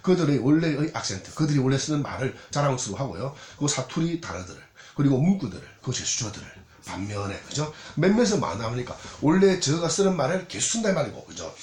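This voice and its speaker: A man's voice: mid-range voice, big pitch swings, fast talker, hardly any pauses, a little mellow. A man with a Gyeongsang Korean accent giving a recorded exam lecture, checking in constantly with rhetorical questions. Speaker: English exam tutor. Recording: roomy echo, faint noise, clicks.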